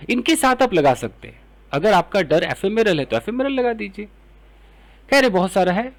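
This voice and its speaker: A man with an Indian English accent teaching English words, explaining in Hindi and reading example sentences slowly. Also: high voice, sing-song. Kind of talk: vocabulary lesson.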